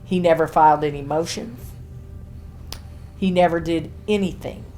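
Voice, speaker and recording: A woman in her sixties gives a documentary interview. She talks in an emphatic, earnest way, and her voice sits low for a woman. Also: moderate pace, mellow, faint music behind. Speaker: interviewee, mother of the prisoner.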